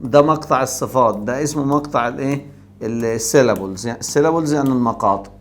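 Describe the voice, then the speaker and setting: A man's voice: mid-range voice, quick pace. A man with an Egyptian Arabic accent teaching a recorded English grammar lesson. He explains step by step and answers his own rhetorical questions.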